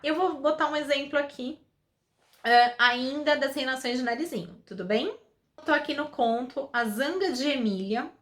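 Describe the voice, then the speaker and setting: A woman's voice: sits high, moderate pace, a bit bright. A young woman speaking patiently to parents about reading with children, often asking questions and then answering them herself. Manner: patient, asks rhetorical questions. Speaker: reading educator. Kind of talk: explanatory talk to parents.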